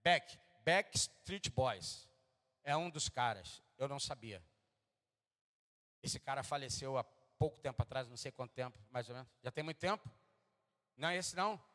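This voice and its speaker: A man preaching a sermon as pastor in a church, with animated delivery that swings from quiet talk to shouting. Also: medium pitch, normal speed, long pauses. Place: church hall. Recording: echoey church hall.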